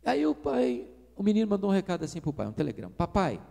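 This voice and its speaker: A middle-aged Brazilian man preaching a storytelling sermon, animated and acting out dialogue. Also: fairly high pitch, quick pace, vocal fry. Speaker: pastor. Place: church or retreat hall. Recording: reverberant hall.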